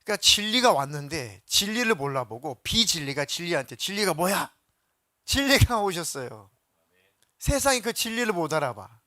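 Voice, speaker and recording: A male pastor giving a lively sermon, acting out quotes in voices and putting questions to the congregation. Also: fairly high pitch, normal speed, dry recording, studio quality. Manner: animated, acts out biblical quotes in voices.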